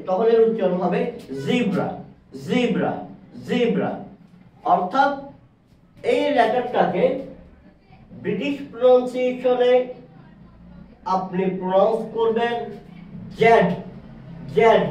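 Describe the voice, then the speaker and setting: A man teaching a pronunciation lesson at a board, speaking slowly and deliberately and repeating key words. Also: extremely high pitch, dark tone, dull audio, a little hiss or hum. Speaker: English teacher. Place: classroom with a board. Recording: echoey room, distant mic.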